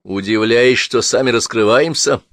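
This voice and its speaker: A man voicing a hoarse, menacing armed partisan who speaks curtly and threateningly. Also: medium pitch, normal speed, a bit bright, dry recording, studio quality, lightly acted. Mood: cold. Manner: curt, threatening.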